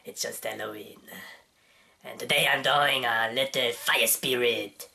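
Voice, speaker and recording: A woman with a very deep voice narrates a drawing tutorial at an unhurried pace. She halts and hunts for words in English. She thinks aloud as she sketches, step by step. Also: fairly even intonation, gravelly, pushed and bright, breathy edge. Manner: halting, searching for words in English.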